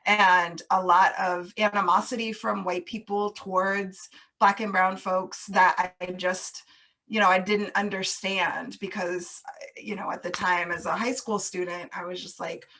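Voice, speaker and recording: A woman interview guest speaking casually and reflectively, laughing now and then as she talks about growing up on military bases. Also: mid-range voice. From grew up on US military bases overseas. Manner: warm, reflective, laughs easily.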